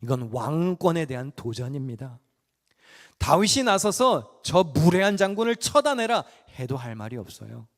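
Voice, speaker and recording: A male pastor preaching a sermon in a church sanctuary. He stresses some phrases loudly and drops others to a hush. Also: a little high, sing-song, moderate pace. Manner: emphatic, swinging between loud stresses and hushed asides. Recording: long church reverb with soft music behind.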